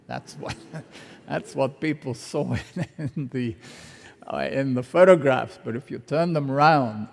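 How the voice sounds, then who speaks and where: Older male art historian, slow deliberate lecturing with wry asides, mid-pitched voice, long lecture-hall reverb. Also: gravelly. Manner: unhurried, anecdotal, with wry asides. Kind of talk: public lecture.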